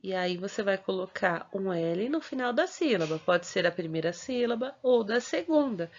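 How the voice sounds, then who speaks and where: A woman teacher with a Brazilian Portuguese accent explains a worksheet at a patient, deliberate pace. Her voice sits in a middle pitch, and she slows right down to stretch out syllables. The recording is dull and lo-fi. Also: animated. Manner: patient, spells out syllables slowly, frequent checking tags.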